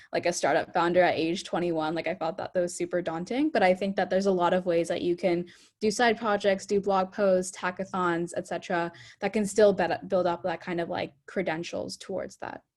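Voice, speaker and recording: A young woman in her twenties talks on an online panel, slightly low for a woman. She strings her thoughts together with constant "like"s and occasional stumbles, in a relaxed, unscripted way. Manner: fills speech with "like", some stumbling. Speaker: product manager panelist.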